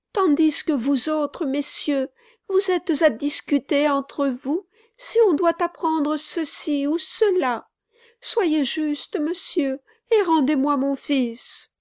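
A weeping mother in a storybook reading, her voice pushed high and shaking as she begs for her son, voiced by a woman narrator. She pleads and accuses by turns. The reading is slow and dry, close to the mic. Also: a little mellow, no echo. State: crying. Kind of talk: audiobook character reading.

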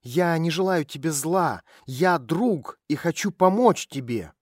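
A man voicing a calm woman private detective who speaks quietly and gently to coax a runaway girl. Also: fairly high pitch, unhurried, no room sound, clean studio sound. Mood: soothing. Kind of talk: audiobook character voice.

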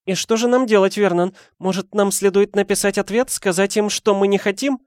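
A man's voice: high voice, moderate pace, darkish tone, smooth, no echo, studio quality, pitched above the performer's own voice, lightly acted. Petunia, a trembling fretful aunt, voiced by a man. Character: anxious shrill middle-aged aunt.

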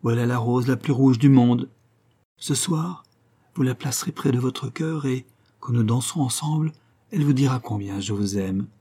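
A man's voice: medium pitch, moderate pace, dark tone, husky. A man reading the lines of an earnest young male student in a storybook.

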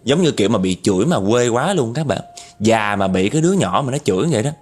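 A man's voice: mid-range voice, lively intonation, fast, a little mellow, slightly rough. A man with a Southern Vietnamese accent telling a ghost story in a chatty way, talking straight to his listeners. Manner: chatty, addresses listeners directly.

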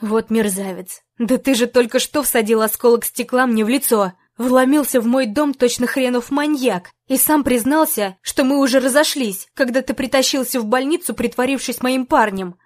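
A woman's voice: on the high side, normal speed, darkish tone, natural voice. A woman reading an audiobook, voicing a furious young woman who hurls angry accusations at her ex.

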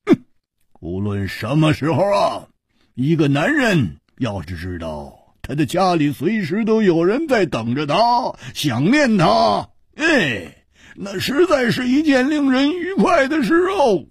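A man voicing a bluff, hard-drinking male swordsman who huffs and exclaims loudly, with a husky voice. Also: mid-range voice, wildly swooping pitch, normal speed, no room sound, clean studio sound, exaggerated voice. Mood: hearty. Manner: grumbling huffs and loud exclamations.

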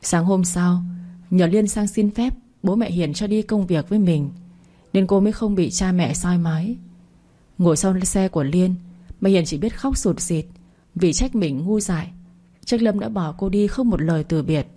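A woman narrating a dramatic story in a steady storytelling voice. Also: fairly low pitch, moderate pace.

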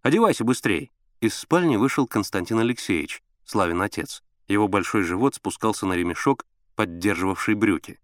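A man narrating a storybook in an expressive storytelling way. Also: fairly low pitch, a little fast, no echo, clean studio sound. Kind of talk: scripted audiobook narration.

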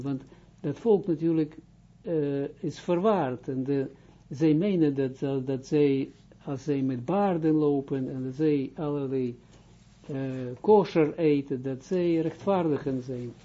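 A middle-aged man gives a religious lesson in a very dark, husky voice, speaking slowly and haltingly with frequent restarts. The recording is dull and lo-fi. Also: a little high. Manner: slow, halting, many restarts while translating and explaining. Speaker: religious teacher.

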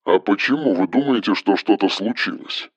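A man reading an audiobook, voicing a cold, commanding engineer who gives flat, toneless orders over the phone in a metallic voice. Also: lowish voice, moderate pace, dry recording, lo-fi sound, voice pushed down. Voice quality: metallic timbre.

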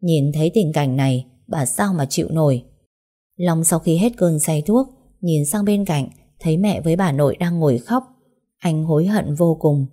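A woman narrating an audiobook story in a steady way. Her voice sits low and sounds dark and mellow. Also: moderate pace, slightly rough.

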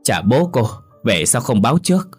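A man's voice: low voice, moderate pace, a little mellow, soft background music. A man voicing an elderly village mother who talks on and on, fussing over her family. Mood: overjoyed.

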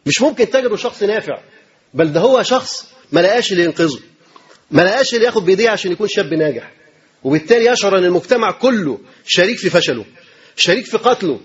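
A man's voice: high voice, expressive, rapid-fire, slightly rough, dull audio. An Egyptian man preaching a sermon in a colloquial style, piling up rhetorical questions and repeating his points. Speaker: sheikh giving a religious lecture.

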